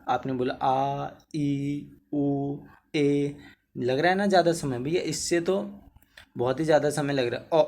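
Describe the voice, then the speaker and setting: A man's voice: medium pitch, darkish tone, a little hiss or hum. A male Hindi teacher giving an exam-prep grammar lesson, keeps asking "theek hai na" and stretching vowels out to show how long they last. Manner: addresses students as bhaiya, repeats "theek hai na"; drawls vowels to demonstrate length.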